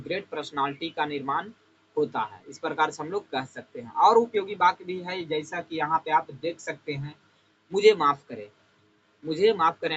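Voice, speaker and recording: Man teaching English phrases, slow and clear. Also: on the high side, fairly bright tone, highs cut off, a little hiss or hum. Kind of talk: spoken English lesson in Hindi.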